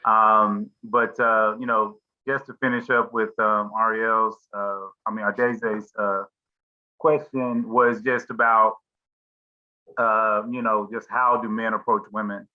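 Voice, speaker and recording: A man's voice: fairly low pitch, little pitch movement, slow pace. A middle-aged man hosting a group discussion on a video call, talking casually and rambling with many fillers and restarts. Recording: slightly dull lo-fi call audio.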